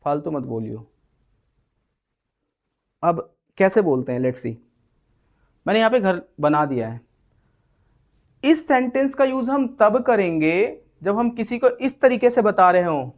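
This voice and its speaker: Indian man teaching English, slightly high voice. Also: big pitch swings, measured pace, pauses often. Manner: explains with acted example lines and frequent "ठीक है". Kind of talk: spoken English lesson.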